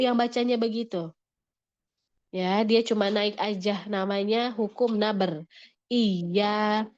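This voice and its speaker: A woman's voice: medium pitch, lo-fi sound. A woman teaching Quran recitation in an online class, patiently modelling each sound and repeating corrections. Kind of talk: online tajwid lesson.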